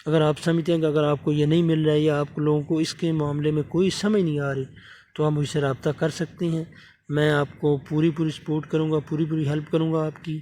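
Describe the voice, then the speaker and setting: A man from Pakistan walks viewers through a motor repair at his workbench, chatting as his hands work and checking in with them again and again. His voice sits a little high with a mellow, soft-edged tone. A faint hiss runs under the recording. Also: level tone. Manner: talks while working, often asking viewers to subscribe; repeats fillers and checks in with the viewer. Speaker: electronics repair technician.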